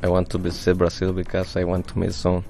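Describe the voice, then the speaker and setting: Very deep gravelly man. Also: monotone, fast talker, darkish tone. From El Salvador. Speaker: English learner. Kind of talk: class presentation.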